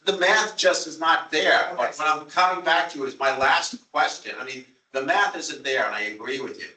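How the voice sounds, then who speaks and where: At a public board meeting, a Long Island-accented man who represents his town on the transit board insists on his budget figures again and again, sorry yet pushy. His voice sits fairly high, bright and forceful, at a moderate pace. The recording picks him up from a distance in a reverberant meeting room.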